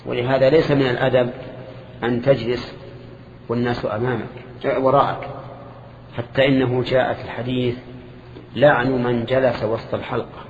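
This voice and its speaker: Older sheikh teaching in an echoey hall. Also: male voice, medium pitch, flat delivery, a little mellow. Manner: measured explanations with questions to the class. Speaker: sheikh teaching a hadith lesson. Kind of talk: classical lesson commentary with students. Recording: echoey hall, dull old lo-fi tape with hiss.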